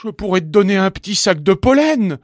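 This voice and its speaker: Greedy, grumpy bumblebee played by a man for a storybook: shrill and squealing, pitched far up, dry close sound. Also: sing-song, fairly quick, no room sound. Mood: pleading. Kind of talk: storybook character voice.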